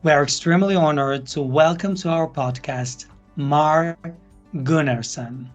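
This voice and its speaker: Higher-voiced male podcast host introducing. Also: a little slow, faint music behind. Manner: formal, presenting. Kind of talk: scripted guest introduction.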